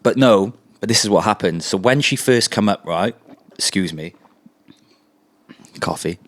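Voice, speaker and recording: A man's voice: lowish voice, lively intonation, unhurried. A man, a guest on an interview podcast, chatting casually and swearing freely as he tells anecdotes. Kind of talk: casual chat.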